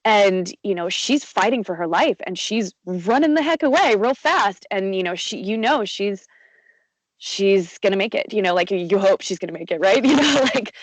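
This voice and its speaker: A woman's voice: medium pitch, lively intonation, moderate pace, poor audio. A woman audiobook narrator and voice actor talking in an interview, chatty, with many fillers, restarts and easy laughs. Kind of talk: conversational interview.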